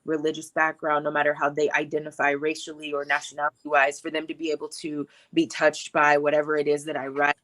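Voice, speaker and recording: A woman's voice: low-pitched, monotone, fast talker, hardly any pauses, fairly bright tone. A woman in her thirties, a filmmaker guest on a talk show, talking reflectively about her life with frequent fillers and easy laughter. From born in Hawaii, grew up in Texas. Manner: reflective, laughs easily, many filler words. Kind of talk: casual talk show interview.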